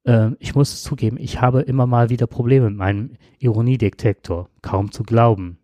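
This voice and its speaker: A man's voice: medium pitch, fairly even intonation, fairly quick, warm tone, dry recording, lightly acted. A man voicing an overly polite, chatty self-driving car that talks in an eager, formal and apologetic way. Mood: chirpy, apologetic.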